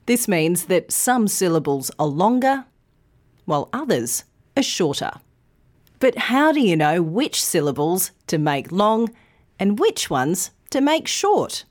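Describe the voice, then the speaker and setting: Slow, lively woman teacher. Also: medium pitch. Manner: carefully enunciated, demonstrative. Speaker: English teacher. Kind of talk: scripted language lesson.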